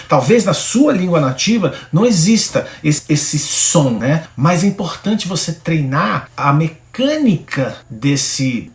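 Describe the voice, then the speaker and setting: A man from Brazil teaching an English lesson built on Bible verses, speaking straight to the viewer in a lively, coaching way. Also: fairly high pitch, reverberant. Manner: animated, coaching, direct address to viewer.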